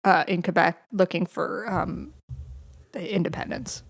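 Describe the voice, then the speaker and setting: A woman playing along as a contestant on a casual trivia podcast, quick and teasing in her answers. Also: fairly low pitch. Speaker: quiz contestant.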